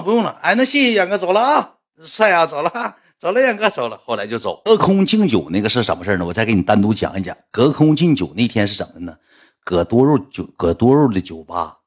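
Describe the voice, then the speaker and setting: A man with a Northeastern Mandarin accent, a livestreamer telling stories to his viewers in a chatty, animated way, acting out quotes. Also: on the low side, slightly rough. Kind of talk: casual storytelling to viewers.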